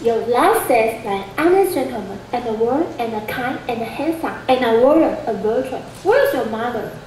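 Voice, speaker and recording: A woman's voice: a little high, animated, normal speed, a little mellow, natural voice. A woman acting a fussy, talkative old nurse on stage, teasing and complaining with exaggerated effort. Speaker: student actor. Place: stage in a large hall. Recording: echoey hall recording with faint noise.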